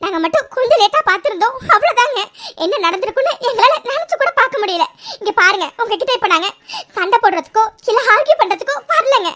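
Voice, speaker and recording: A tearful, begging mother in a cartoon, stammering through pleas in a very high, hurried voice, as a woman puts her on. Faint noise sits under the close, dry recording. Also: lively intonation, bright, forceful tone, full character voice. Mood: pleading. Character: pleading mother of the bride, tearful.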